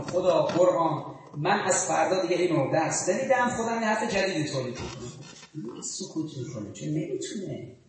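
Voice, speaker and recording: Man lecturing in an echoey hall. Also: on the high side. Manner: emphatic, rhetorical questions, swings between loud and quiet. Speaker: public speaker. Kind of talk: impassioned public lecture. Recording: very echoey hall, far from the mic.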